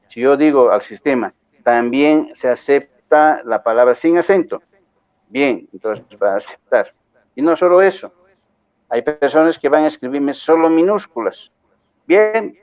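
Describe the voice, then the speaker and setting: A man's voice: mid-range voice, a little mellow, dry recording, muffled recording. A man teaching a university class, giving firm instructions and checking in with the students again and again. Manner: firm, repeats points with rhetorical checks. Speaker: university lecturer.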